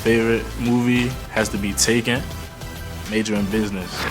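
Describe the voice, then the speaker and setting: A young college basketball player giving a short, clipped self-introduction. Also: male voice, on the low side, little pitch movement, moderate pace, music in the background. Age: young adult.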